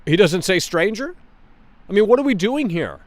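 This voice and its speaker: A man's voice: sits high, sing-song, moderate pace, no room sound. A man hosting a livestream, giving casual, opinionated game commentary in an exasperated, blunt and sweary way. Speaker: livestream host.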